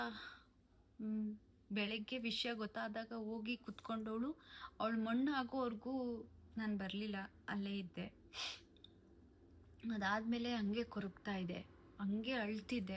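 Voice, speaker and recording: A woman telling a personal story of betrayal, aggrieved and emotional, with pauses and restarts. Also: medium pitch, slight background noise. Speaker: vlogger. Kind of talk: personal testimony to camera.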